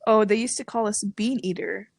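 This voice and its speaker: A woman's voice: medium pitch, moderate pace, gravelly, dry recording. A woman co-hosting a podcast in casual, joking chat with a giggly, teasing manner. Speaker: podcast co-host.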